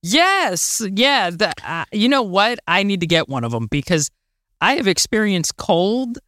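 A woman's voice: medium pitch, very animated, a little slow, a bit bright, dry recording, studio quality. A woman from Florida co-hosting a podcast in casual chat, bubbly and laughing often. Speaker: podcast co-host.

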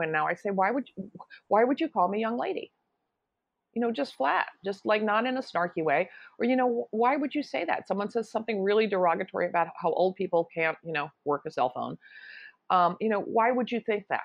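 A woman's voice: on the low side, no room sound. A woman in her sixties, an author answering interview questions in an earnest, plain-spoken way. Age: 60s. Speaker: author and guest. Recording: dull, lo-fi, dry sound.

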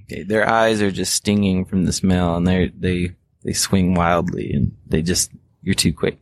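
Low-voiced guy running a tabletop game, laid-back narration, bit of hiss behind. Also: normal speed. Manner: relaxed, descriptive, with frequent restarts. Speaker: game master.

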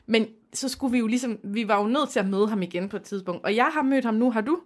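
A woman co-hosting a podcast, telling stories lively with acted-out quotes in a casual chat. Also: on the high side. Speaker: podcast co-host.

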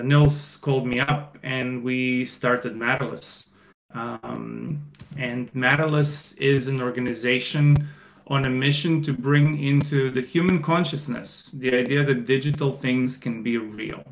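A man from Croatia in his thirties, a podcast guest talking casually about his startup, with many fillers and pauses. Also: mid-range voice, low-quality recording. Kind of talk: casual interview answers.

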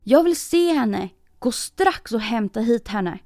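A woman's voice: on the high side, lively intonation, darkish tone, no room sound, studio quality, faint music behind. A woman voicing an earnest young king's son in a storybook reading, asking probing questions.

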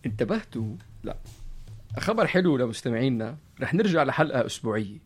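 A man in his thirties with a Levantine Arabic accent, hosting a casual podcast in an animated way, repeating phrases for emphasis. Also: mid-range voice, fast talker, slightly rough. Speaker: podcast host. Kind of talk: casual conversational podcast chat.

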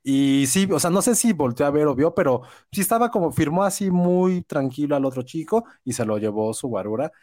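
A man with a Mexican accent, telling an animated anecdote in casual podcast chat. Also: on the high side, a little fast, few pauses. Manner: animated storyteller, acts out quotes. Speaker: podcast co-host.

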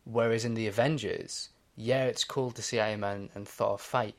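A man with a slightly low voice co-hosts a casual podcast. He explains his points at length and thinks aloud as he goes. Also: fairly even intonation, normal speed, vocal fry. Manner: analytical, explaining at length with many fillers. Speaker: podcast co-host. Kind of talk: casual chat.

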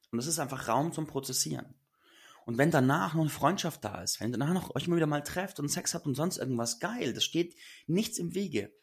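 Husky-voiced man coaching earnestly. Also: mid-range voice. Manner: earnest, emphatic, slangy. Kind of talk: casual advice monologue.

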